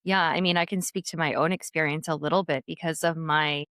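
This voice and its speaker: A woman's voice: deep voice, steady tone, brisk, fairly bright tone, dry recording. Reflective woman podcast host, dry mic. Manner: reflective, with frequent restarts. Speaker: podcast host, former news anchor. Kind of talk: conversational interview.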